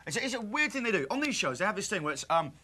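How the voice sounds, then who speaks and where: A man's voice: high-pitched, very animated, racing, sharp tone. A man with a South London accent presenting a breakfast TV newspaper review, rambling and jokey. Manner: jokey, rambling, self-mocking.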